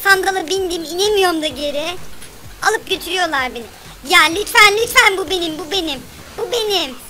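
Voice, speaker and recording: A woman commentating a game for kids in a playful, whiny, complaining and excitable way. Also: very high voice, brisk. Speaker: gameplay commentator.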